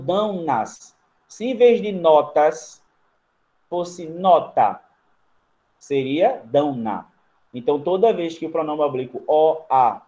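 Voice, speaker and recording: A Brazilian man teaching grammar to a class in a slightly high voice. He works through each step while writing on a board. He keeps turning to the students to check that they follow. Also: mellow. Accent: Brazilian Portuguese. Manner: writes on a board while talking. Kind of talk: grammar lesson.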